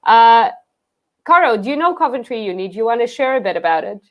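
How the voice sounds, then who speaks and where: A woman's voice: on the high side, sing-song, fast. A young woman from Portugal, hosting a live Q&A in a chatty way full of "like" fillers. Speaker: host. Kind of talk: live Q&A chat.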